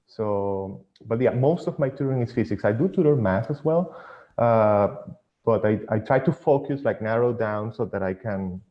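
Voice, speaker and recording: Casual male interviewee with a Venezuelan accent, enthusiastic but halting, on a muffled internet call. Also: fairly low pitch, expressive. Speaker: online physics tutor. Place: indoors, speaking over a video call. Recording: dull lo-fi internet call audio.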